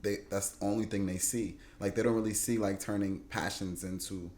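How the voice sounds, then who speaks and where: A man with a fairly low voice chats casually as a podcast co-host. His talk is slangy and he often repeats a point for emphasis. The sound is noticeably roomy. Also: steady tone, brisk, a little mellow.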